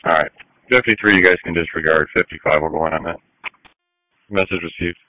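Deep, tense-toned male responder on radio. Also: fairly even intonation, a little fast, sharp tone, no echo, dull audio. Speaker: emergency responder. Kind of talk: radio traffic.

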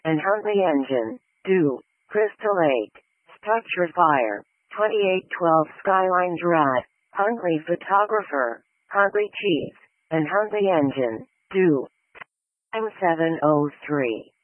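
An emergency dispatcher reading formulaic, measured announcements over a radio pager, repeating each address. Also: mid-range voice, expressive. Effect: radio pager transmission. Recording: tinny, muffled emergency radio audio.

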